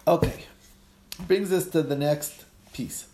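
A rabbi teaches a religious class informally, reading text and explaining it conversationally, asking questions he answers himself and checking in with listeners. His voice is a little high, slow, and dark in tone, with a roomy sound.

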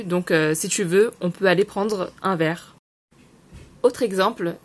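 Slightly low-voiced woman teaching casually. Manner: unhurried, explanatory, many fillers. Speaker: podcast host teaching French expressions. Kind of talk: casual spoken lesson.

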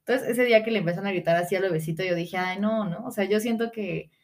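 Woman, podcast co-host, casual rambling chat, middle pitch. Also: quick pace. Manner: rambling storytelling, acts out what people said.

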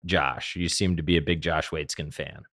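A man's voice: extremely low pitch, fairly even intonation, normal speed, a bit bright, no room sound, clean studio sound. A man hosting a podcast, moving between scripted announcements and casual chat. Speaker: podcast host.

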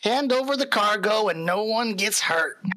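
A woman voicing a cocky male goblin bandit who rides a wolf, speaking in a slow, taunting drawl. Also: medium pitch, lively intonation, a bit bright, no room sound, pitched above the performer's own voice, natural voice, rough recording.

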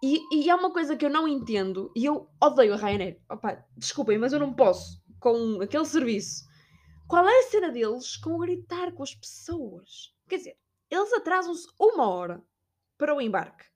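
A young woman with a European Portuguese accent, chatting casually about a trip and imitating people along the way. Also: normal speed. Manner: chatty, animated, imitates shouting staff in high voice. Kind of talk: casual storytelling vlog.

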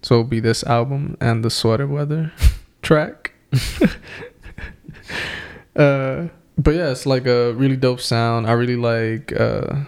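A man's voice: medium pitch, steady tone, slow, pauses often, a little mellow, clear, resonant tone. A man co-hosting a podcast, reviewing albums in a joking, slangy way, often repeating himself. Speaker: podcast co-host. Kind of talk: casual music review chat.

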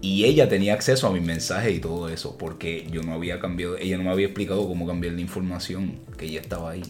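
A young Puerto Rican man hosting a podcast, telling stories in a casual, animated way and often laughing. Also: low voice, racing, faint music behind. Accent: Puerto Rican Spanish. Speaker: podcast host. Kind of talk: casual storytelling chat.

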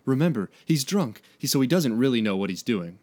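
A man reading out a fan story, voicing a gentle young male turtle hero who urges his brother to stay peaceful. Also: mid-range voice, big pitch swings, fairly quick. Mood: pleading. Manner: earnest, pleading.

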